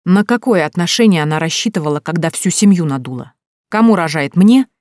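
A woman's voice: lowish voice, expressive, brisk, a little mellow, no echo, close to an everyday voice. A woman voicing a hostile, stern former-military father who speaks curtly and accusingly, in a dry audiobook recording. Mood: harsh. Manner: curt, clipped, accusing.

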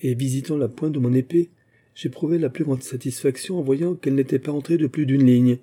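Male narrator, memoir audiobook, measured delivery, husky and very dark tone. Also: mid-range voice. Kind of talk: literary audiobook reading, first-person memoir.

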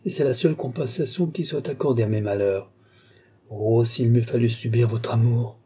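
A man's voice: mid-range voice, normal speed, mellow, slightly rough, lightly acted. A defiant young Roman woman held captive, as a male reader puts her on. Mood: indignant. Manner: passionate, defiant, pleading.

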